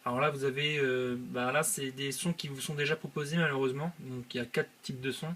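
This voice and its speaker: A man's voice: medium pitch, fairly even intonation, brisk, a bit bright, slight background noise. A young man hosting his channel, walking viewers through a website step by step with many hesitant filler sounds. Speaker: channel host. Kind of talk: screen-recorded software tutorial.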